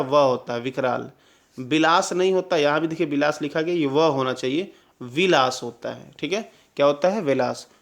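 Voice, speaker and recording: Male exam tutor, slightly high voice, drilling style with constant check-ins. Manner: drills answers with repeated questions and "clear?" checks. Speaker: exam-prep teacher. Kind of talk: Hindi spelling lesson.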